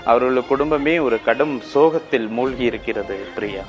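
A man reporting live as a field news reporter in formal language, halting and repeating his phrases. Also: mid-range voice, highs cut off, faint music behind.

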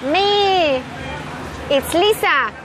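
A woman from Ukraine chatting as a tuk-tuk passenger, cheerful and giggly, speaking halting English. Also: very high voice, expressive, a crowd in the background. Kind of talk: casual chat. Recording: outdoor recording with clear street noise.

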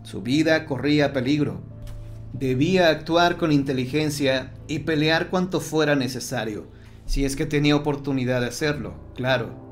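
A man reading a horror audiobook in a steady, measured storytelling voice. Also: a little high, soft background music. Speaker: narrator. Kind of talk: scripted audiobook narration.

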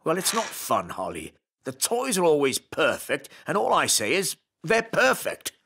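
A man's voice: a little high, huge pitch swings, unhurried, vocal fry, bright, forceful tone, breathy edge, exaggerated voice. A man voicing a grumpy, lazy fairy king in a cartoon, who grumbles and sounds reluctant. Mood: grumbling.

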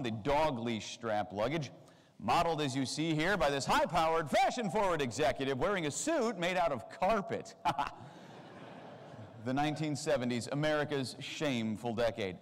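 Animated man giving a keynote. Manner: animated, sarcastic asides, big pitch jumps. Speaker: keynote speaker. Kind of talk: comedic keynote talk. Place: large convention hall stage. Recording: long hall reverb.

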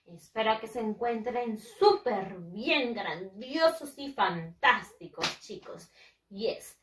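Bright, animated woman teacher, echoey room. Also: on the high side, takes it slowly, distant mic, background noise. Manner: cheerful, repeats each phrase in English then Spanish, drills pronunciation; voices pupils' questions to herself. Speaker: primary school English teacher. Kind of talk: bilingual lesson for young children.

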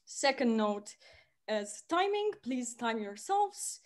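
A woman from Romania chairs a debate over a video call, friendly and measured, pausing on fillers. Her voice sits a little high. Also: very animated.

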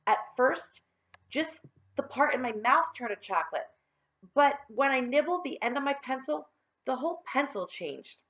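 A woman's voice: sits high, lively intonation, normal speed, fairly bright tone, voice pushed up, low-quality recording. A woman voicing an earnest, self-pitying schoolboy who protests and pleads in a children's storybook. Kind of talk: children's storybook read-aloud.

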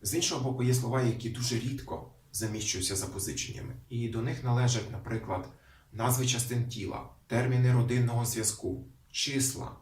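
A man presenting a lesson on language history, explaining calmly and turning to the viewers with rhetorical questions. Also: mid-range voice. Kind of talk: educational explanation. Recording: echoey room, voice a bit far from mic.

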